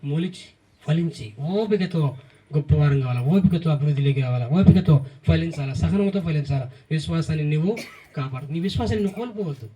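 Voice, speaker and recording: High-voiced man preaching from afar. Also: animated, a little fast, mellow, recorded from a distance. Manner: emphatic, repetitive lists with questions to the congregation. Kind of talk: sermon.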